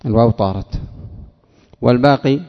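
Here a sheikh teaches Arabic grammar to a class, focusing on morphology, repeating examples and quizzing students by name. His mid-range voice moves at normal speed. The recording is dull and lo-fi, made in a hall with noticeable reverb.

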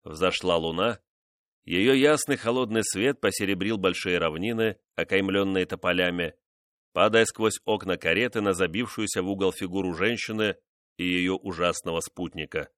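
Man, audiobook narration, low voice, steady and dramatic. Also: moderate pace, no echo, clean studio sound.

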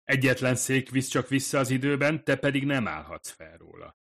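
A man's voice: medium pitch, lively intonation, vocal fry, fairly bright tone, voice pushed up. A man voicing a shy young woman who works as a café waitress and speaks hesitantly, sometimes stammering. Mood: explaining.

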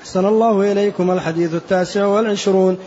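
High-voiced man reciting a classical text. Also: very fast. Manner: steady recitation, spelling out vowel markings. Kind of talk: reading a classical text aloud. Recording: dull lo-fi lecture recording with faint hiss.

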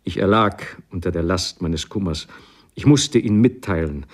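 Low-voiced man reading a classic tale. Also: normal speed. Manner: expressive, dramatic first-person narration. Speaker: reader. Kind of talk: literary audiobook reading.

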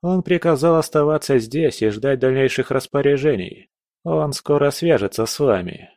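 A man voicing a calm, stone-faced young man who speaks in a measured, slightly mocking way. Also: mid-range voice, no echo, studio quality, close to an everyday voice.

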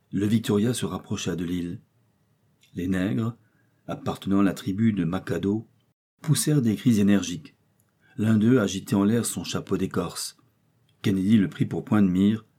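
A man reading a classic adventure novel aloud as audiobook narrator, in measured storytelling. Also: lowish voice, dark tone, husky. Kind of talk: scripted narration.

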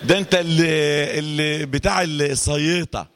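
Teaching tajweed live to his students, this middle-aged man with an Egyptian Arabic accent keeps things playful and energetic. His slightly high voice stretches each letter slowly so the class can hear how it should sound.

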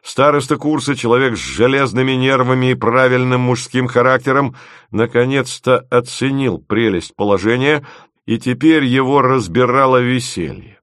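A man's voice: medium pitch, no echo. Man reading an audiobook, dry close sound. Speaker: audiobook narrator. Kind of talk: scripted audiobook narration.

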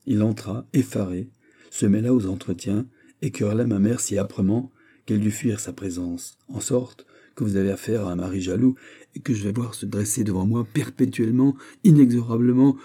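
A man's voice: fairly low pitch, steady tone, normal speed, dark tone, close to an everyday voice. A man reading aloud and voicing an impassioned, jealous young king who pleads and bursts out. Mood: aggrieved. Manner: pleading, rising to outbursts.

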